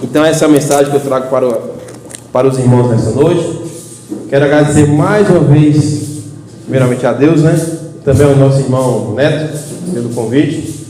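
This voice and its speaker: A man's voice: medium pitch, a little fast, pauses often, mellow. Brazilian preacher man in an echoey hall. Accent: Brazilian Portuguese. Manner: chatty, folksy storytelling with frequent "né" and "irmãos". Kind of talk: informal evening sermon. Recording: echoey hall with faint hum.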